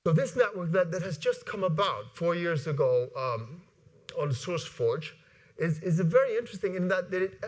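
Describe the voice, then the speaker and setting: A man in his forties from Iceland, giving an animated conference talk from a stage, with many fillers and restarts. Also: sits high, normal speed. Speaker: conference speaker. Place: large conference hall with audience. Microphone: lapel mic.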